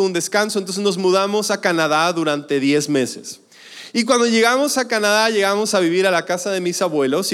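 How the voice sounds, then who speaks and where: A young man with a Mexican accent tells a personal story in a high, smooth voice. His delivery is loose and conversational, with many fillers. The sound rings with a long hall reverb. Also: a bit bright. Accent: Mexican Spanish. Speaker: speaker. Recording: echoey hall.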